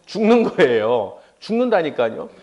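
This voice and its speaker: A man's voice: fairly high pitch, sing-song, normal speed, a little mellow, highs cut off. A male pastor giving a sermon. He tells the story with acted-out dialogue and asks the congregation questions.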